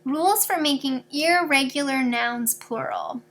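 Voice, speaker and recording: Bright, high-voiced teacher explaining a lesson. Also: female voice, measured pace. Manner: patient, explains step by step with examples. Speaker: fourth grade teacher. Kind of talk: recorded video lesson.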